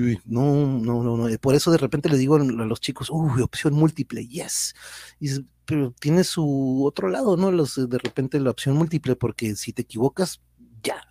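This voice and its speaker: Chatty Mexican man, mellow dry voice. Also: mid-range voice, no room sound. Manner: chatty, greets viewers by name, uses Mexican slang. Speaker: podcast host and teacher. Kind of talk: casual live-stream chat reading viewer comments.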